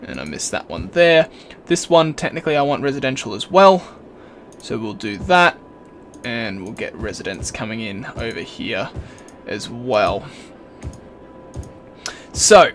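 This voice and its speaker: A man's voice: on the high side, a little hiss or hum. A man hosting a gaming video, talking through his moves in a casual let's play commentary while he plays. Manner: relaxed, thinking aloud while building. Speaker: gaming channel host.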